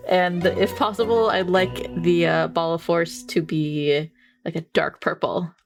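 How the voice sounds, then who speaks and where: A woman's voice: lowish voice, fairly even intonation, a little slow, creaky. A woman playing a tabletop role-playing game, casually improvising her character's actions and asking questions. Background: background music.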